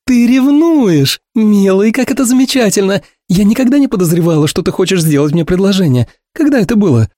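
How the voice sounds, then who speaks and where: A man's voice: animated, brisk, few pauses, dark tone, no echo, clean studio sound. A man voicing a chattering young woman in an audiobook, piercing and effusive, showering endearments. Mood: plaintive. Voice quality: piercing shrill voice. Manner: effusive, sprinkles every phrase with endearments. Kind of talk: audiobook character voice.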